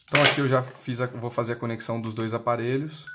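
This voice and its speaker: This intercom seller, a man with a Brazilian Portuguese accent, talks fast at a medium pitch with fairly even intonation. He explains the product step by step, unscripted and plainly instructional. Noise and clicks are clearly audible in the recording.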